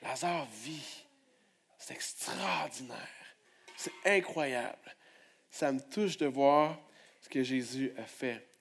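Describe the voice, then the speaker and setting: A male pastor preaching a sermon, moving from hushed prayer to loud exclamations and calling on the congregation to respond. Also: medium pitch, slow, long pauses.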